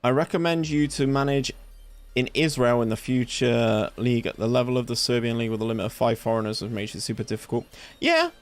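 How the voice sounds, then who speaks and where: A man's voice: medium pitch, fairly even intonation, fast talker, faint music behind. A young man from England with a West Country accent, streaming casually as he plays a game, chatting and reacting aloud to his chat. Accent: West Country English. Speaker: gaming streamer. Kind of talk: casual live-stream commentary. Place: home room in summer heat, fan running.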